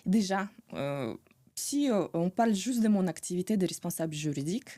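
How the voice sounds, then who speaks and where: A woman's voice: fairly low pitch, lively intonation, normal speed, mellow, dry recording, studio quality. A woman from Russia with a Russian accent, speaking as an interview guest in a casual, hesitant way with many fillers. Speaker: guest, head of legal.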